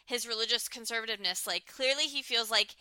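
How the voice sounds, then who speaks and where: A young woman co-hosting a casual podcast chat, animated and getting fired up as she acts out quotes. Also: fairly high pitch, fast talker, clean tone, no room sound. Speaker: podcast co-host. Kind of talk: casual chat recapping a reality show.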